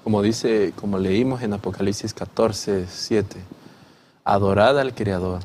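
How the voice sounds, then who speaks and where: A man leading a Bible lesson discussion, speaking in a measured way and saying amen as he addresses his partner as brother. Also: fairly low pitch, darkish tone, slight background noise. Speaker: lesson study leader.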